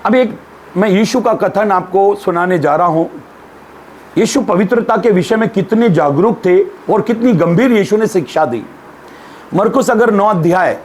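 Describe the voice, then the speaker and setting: A man's voice: sits high, a little mellow, slight background noise. A male pastor preaching a sermon, telling jokes and putting questions to the congregation. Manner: humorous storyteller, asks the congregation questions.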